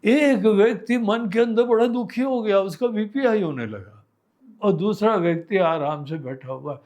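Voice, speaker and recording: A man, a swami, giving a spiritual discourse in an unhurried storytelling manner with everyday examples, dropping low and soft for asides.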